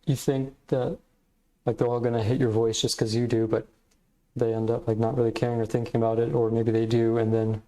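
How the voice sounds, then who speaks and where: A man's voice: medium pitch, flat delivery, brisk, mellow, poor audio. A man hosting a podcast, giving casual, reflective commentary in hesitant, meandering phrasing. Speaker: podcast host.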